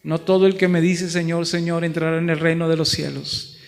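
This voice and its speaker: A man's voice: fairly high pitch, flat delivery, brisk, gravelly. A man with a northern Mexican accent preaching a sermon as pastor, building to emphatic repeated phrases and acting out voices in the story. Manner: preaches with rising emphatic repetition, acts out dialogue. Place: large church hall. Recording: long church hall reverb.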